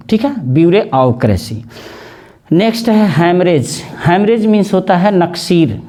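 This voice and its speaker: Slow, patient Hindi-accented teacher. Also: male voice, high-pitched, mellow. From India. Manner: slow, repeats each word and spells it letter by letter. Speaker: English spelling teacher. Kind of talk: spelling lesson, explaining word by word.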